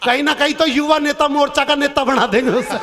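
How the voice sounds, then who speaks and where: A man's voice: very high-pitched, fairly even intonation, fairly quick, noisy background. A man performing comic storytelling at a poetry stage show, acting out his characters' lines in shifted voices. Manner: turns earnest and preachy near the end. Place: outdoor or hall stage before a live audience.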